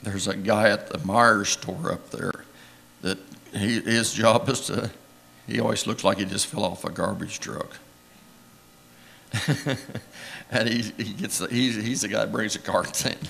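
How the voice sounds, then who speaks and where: An older church elder preaches in a homespun, storytelling way. His voice sits low and has a gravelly edge. He wanders between anecdotes, gets emotional, and laughs softly as he goes. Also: steady tone, a little slow, pauses often. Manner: rambling, emotional, chuckles often. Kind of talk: folksy sermon storytelling. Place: church sanctuary.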